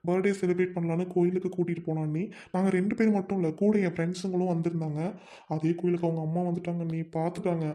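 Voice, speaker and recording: Woman playing a lovesick college guy, fast worried talk, mellow lowish voice, home audio drama. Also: lightly acted. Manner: quick, earnest, worried. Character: anxious lovesick young college man.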